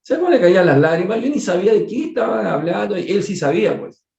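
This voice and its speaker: Animated man in an echoey room. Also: high voice, fast, gravelly. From Peru. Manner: animated, repeats words, jokes and acts out dialogue. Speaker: spiritist study leader. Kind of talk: study group talk. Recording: echoey room, dull lo-fi sound.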